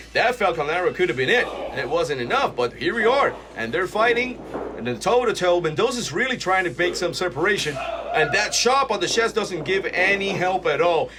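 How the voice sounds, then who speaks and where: A man commentating on wrestling as an excitable lucha libre announcer, exclaiming at the action. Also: high-pitched. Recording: noisy recording.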